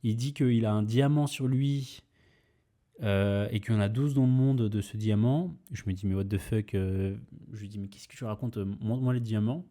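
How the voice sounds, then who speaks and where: A man's voice: lowish voice, normal speed, warm tone. A young man hosting a podcast, telling a personal story casually, rambling with fillers, restarts and mild swearing. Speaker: podcast host.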